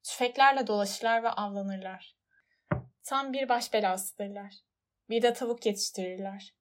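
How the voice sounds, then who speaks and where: A wise talking fox explains things calmly and patiently, in a voice close to the storyteller's own, as a woman reads him aloud. The tone is steady and unhurried throughout this storybook audiobook. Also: mid-range voice, close to an everyday voice.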